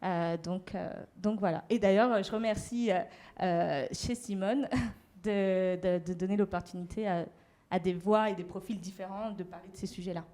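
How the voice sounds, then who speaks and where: A woman tells her story to a live audience from a panel, with lots of fillers and restarts. Her pitch is middle, and her delivery is hesitant. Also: fairly even intonation, normal speed, warm tone. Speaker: panel speaker.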